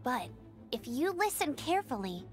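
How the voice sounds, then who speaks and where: A woman's voice: high-pitched, sing-song, normal speed, soft background music. An actress playing a plucky, earnest teenage girl scout knight in an anime fantasy game, spirited and determined. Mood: resolute. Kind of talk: video game voice acting.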